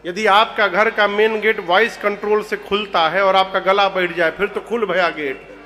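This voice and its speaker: A religious storyteller with a Bhojpuri-tinged Hindi accent delivers a humorous devotional sermon, full of rustic, joking tales told with lively energy. He speaks at normal speed in a high voice, in a reverberant hall with music playing behind him.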